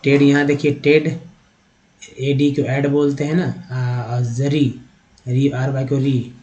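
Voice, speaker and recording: A man's voice: medium pitch, little pitch movement, mellow, dull audio. A man with an Indian accent, teaching an online English lesson and breaking words into letters and sounds. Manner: spells words out letter by letter and sounds them out slowly; addresses viewers directly, repeating "dekhiye".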